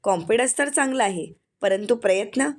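A woman's voice: mid-range voice, expressive, a little fast, lightly acted. A woman reading as a domineering, scheming aunt. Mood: commanding. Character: scheming middle-aged aunt, domineering mother.

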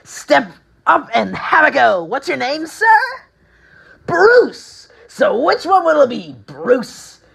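A woman voicing a manic, taunting male comic-book villain clown, theatrical and raspy, with drawn-out, swooping delivery. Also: high-pitched, sing-song, fairly bright tone, pitched above the performer's own voice, heavily acted. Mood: taunting showman. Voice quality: raspy, strained. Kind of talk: amateur audition reading of video game villain lines.

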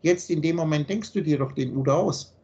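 A man's voice: fairly high pitch, a little fast, darkish tone, dull audio. A man with a German accent lecturing over a video call in a blunt, insistent way, driving his points home with everyday examples. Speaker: spiritual teacher.

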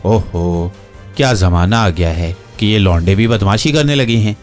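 A man voicing a gruff, bullying middle-aged jailer who sneers and threatens. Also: low-pitched, measured pace, faint music behind. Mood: scornful bully.

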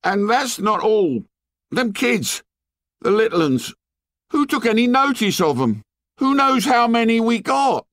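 A man's voice: high voice, expressive, takes it slowly, vocal fry, a bit bright, dry recording, studio quality, voice pushed up, heavily acted. A man voicing an indignant, anxious schoolboy in an audiobook, scolding in whiny, ungrammatical speech. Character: indignant, whining schoolboy, anxious bespectacled outsider.

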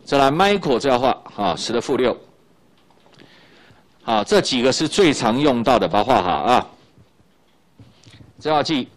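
This middle-aged teacher, whose Mandarin carries a Taiwanese accent, covers high school physics in a recorded lecture at a moderate pace, his pitch swinging widely and pausing often. He's chatty, tacks little fillers onto sentences, and goes over important ideas more than once.

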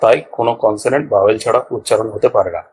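Speaking rapid-fire in a fairly low, steady voice that is darkish and slightly rough, a man teaches his students a basic grammar lesson. He patiently works through each point step by step, repeating things and checking in with phrases like "all right." He wears a small clip-on mic, and the recording is rough.

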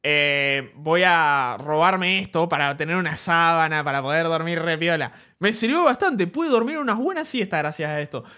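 Bright high-voiced Argentine streamer. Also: male voice, moderate pace, few pauses, smooth. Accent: Argentine Spanish. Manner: excited, laughing storyteller, swears freely. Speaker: streamer reacting to a video. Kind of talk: casual stream chat.

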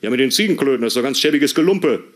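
A man voicing a gruff, nosy butcher who questions a customer bluntly. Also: mid-range voice, lively intonation, rapid-fire, pitched above the performer's own voice, natural voice. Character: gruff, nosy middle-aged male butcher.

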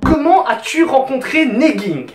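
Speaking very high-pitched and very animated but unhurried, this young man talks to camera from a small bedroom. He's eighteen, from Hainaut in southern Belgium, with a Belgian French accent, a YouTuber taking viewer questions in a casual, emphatic way. The room sounds roomy and music runs in the background.

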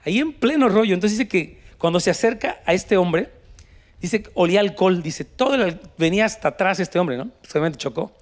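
A man's voice: high-pitched, animated, a little fast. A man with a Mexican Spanish accent preaching a sermon, telling a story and then exhorting his congregation, slipping between Spanish and English. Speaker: pastor.

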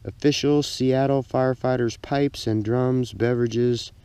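Older man narrating a slow beach hunt. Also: mid-range voice, clear, resonant tone, no echo. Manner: easygoing, excited exclamations at finds. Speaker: metal detecting vlogger. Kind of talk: casual narration while detecting. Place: outdoors on a lakeside sand beach. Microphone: action camera worn on the body.

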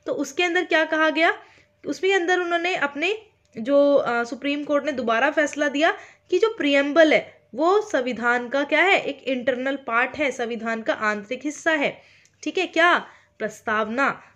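An Indian woman teaching an online exam-prep lecture, speaking slowly on purpose and often checking in with her listeners. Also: sits high, fairly bright tone. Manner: mixes English terms into her explanations.

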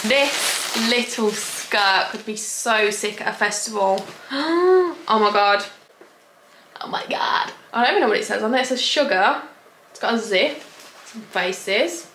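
A woman's voice: mid-range voice, bright, forceful tone. A young woman chatting through a clothing try-on haul vlog, bubbly and gushing with casual slang. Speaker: fashion vlogger. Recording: echoey room, faint hiss.

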